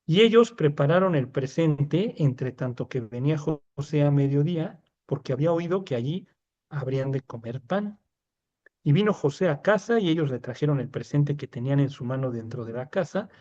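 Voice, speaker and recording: Mellow-voiced Mexican man teaching Bible study. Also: on the high side, dull audio. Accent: Mexican Spanish. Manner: reads scripture aloud, then explains it conversationally with frequent "¿no?" checks.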